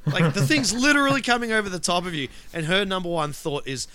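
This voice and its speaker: A man co-hosting a casual film discussion podcast, animated and ranting, laughing often. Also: high-pitched, fast. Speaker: podcast co-host.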